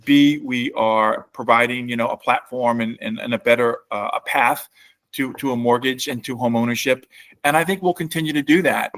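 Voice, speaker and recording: A middle-aged man, speaking in an easygoing, unhurried way. He tells stories in a casual podcast interview and often stops to restart a thought. His pitch sits in an ordinary middle range. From New Orleans, Louisiana. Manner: relaxed storyteller, many fillers and restarts. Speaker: company CEO and guest.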